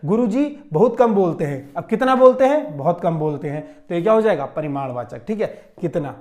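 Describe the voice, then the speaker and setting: A man with a high, light voice explains a mock exam the way a coaching teacher does. He goes over each answer more than once and draws key words out slowly. He keeps checking in with the class as he moves on. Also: big pitch swings, darkish tone. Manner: repetitive, checks with frequent "theek hai", stretches key terms slowly. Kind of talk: Hindi grammar lesson solving a mock test.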